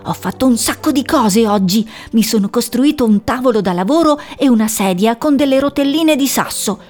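A woman voicing a young male hedgehog who is an eager, fidgety inventor, chattering excitedly. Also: on the high side, moderate pace, faint music behind. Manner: excited, chattering, easily startled.

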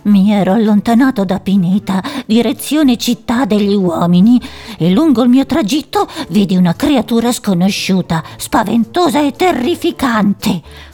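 A woman's voice: a little high, a little mellow. A woman voicing a male mouse who tells a scary tale theatrically and with suspense.

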